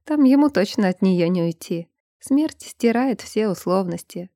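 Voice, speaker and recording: A woman reading an audiobook in an even, measured narrating manner. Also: mid-range voice, no echo, clean studio sound. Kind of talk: scripted narration.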